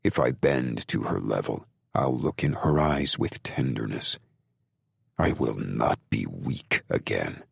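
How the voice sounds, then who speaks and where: Brooding male audiobook narrator; extremely deep, gravelly, slow, first-person and intense. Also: animated, no echo, clean studio sound.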